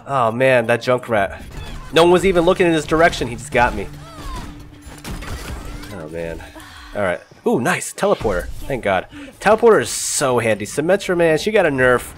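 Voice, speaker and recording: With game music and sounds playing clearly underneath, a young gaming channel host gives casual commentary, his voice stuffy and congested from a cold. He chats and laughs, swearing at close calls. His pitch is medium with big swings, at a moderate pace.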